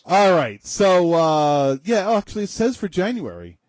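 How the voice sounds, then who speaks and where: A man's voice: high voice, big pitch swings, normal speed, no room sound. Laughing, joking male radio co-host. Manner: jokey, laughs often, stumbles over words. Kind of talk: casual internet radio chat.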